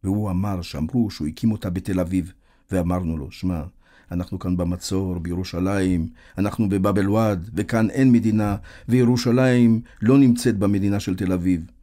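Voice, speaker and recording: A man reading a literary audiobook in a measured, reflective storytelling manner. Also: low-pitched, warm tone, breathy edge. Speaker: audiobook narrator.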